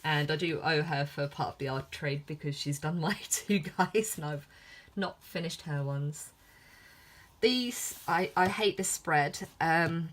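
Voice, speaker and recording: A woman's voice: sits low, a bit bright. A woman with a lisp talking casually and hesitantly through a sketchbook as an artist, in a giggly, self-deprecating way. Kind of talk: casual vlog commentary. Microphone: filmed on iPhone.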